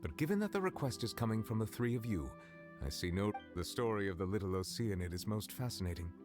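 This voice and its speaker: In a video game, an actor voices a formal, courteous, high-ranking official, speaking in a measured, polite and reserved way. The male voice has lively intonation and sounds close to an everyday voice, with music in the background.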